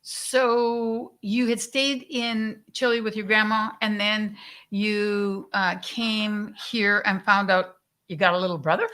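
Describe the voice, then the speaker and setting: A woman hosting a live stream interview, gushing with praise and often pausing with fillers. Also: medium pitch, little pitch movement. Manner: effusive, warm praise, many fillers. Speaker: host. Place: live stream video call.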